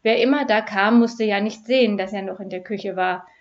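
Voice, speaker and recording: A woman narrates a cozy crime story in a measured, expressive way. Her voice sits at a middle pitch. The recording sounds slightly dull.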